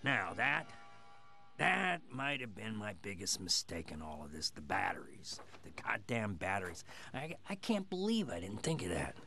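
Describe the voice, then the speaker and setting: Gravelly, smug killer doll. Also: male voice, lowish voice, huge pitch swings, normal speed, sharp tone, soft background music, heavily acted. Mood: wry. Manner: gloating, sardonic, profane. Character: smug foul-mouthed male killer doll, gleefully sadistic. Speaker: commentator. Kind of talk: in-character film commentary.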